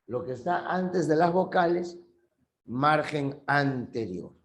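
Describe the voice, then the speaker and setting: A man's voice: on the high side, expressive, slow, roomy sound. A male teacher giving a classroom language lesson, patiently repeating key terms and checking that students follow.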